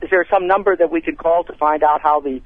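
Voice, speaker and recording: A man calling in from his car, his voice squeezed through a thin, clipped phone line with no room sound around it. He talks plainly and asks careful questions, a touch higher than most men. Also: fairly even intonation, fast, no room sound. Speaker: caller. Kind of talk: call-in radio chat.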